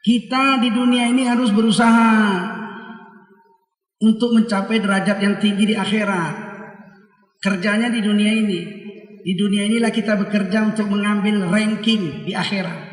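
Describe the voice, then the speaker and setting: A man preaching a sermon in an animated way, acting out little dialogues, recorded from far off in an echoey hall. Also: high voice, normal speed.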